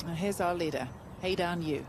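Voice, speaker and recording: A woman's voice: fairly low pitch, moderate pace, noisy background. A woman leading live golf commentary, describing the play as it unfolds. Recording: loud outdoor broadcast ambience. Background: loud outdoor golf course ambience.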